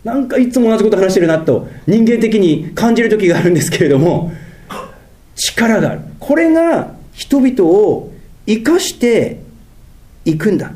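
A middle-aged man with a Tohoku accent preaches a sermon as pastor. His voice sits a little high but sounds dark and mellow, with pitch that leaps up and down. He stretches out his lofty passages and rushes through quieter asides. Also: big pitch swings. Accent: Tohoku Japanese. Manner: swings between lofty, drawn-out preaching and quick, mumbled asides.

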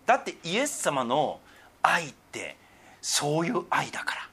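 Middle-aged male pastor, sermon, fairly high voice, bright tone, wildly lively pitch, loud highs and hushed asides. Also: a little slow, breathy edge. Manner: animated, swinging from emphatic highs to soft asides.

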